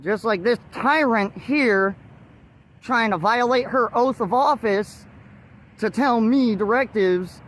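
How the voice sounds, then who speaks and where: A first amendment auditor speaks slowly in a slightly high voice as she films officers at a roadside traffic stop on a handheld phone. She's defiant and lecturing about her rights, with forced laughs, while faint outdoor traffic hums in this confrontational street recording.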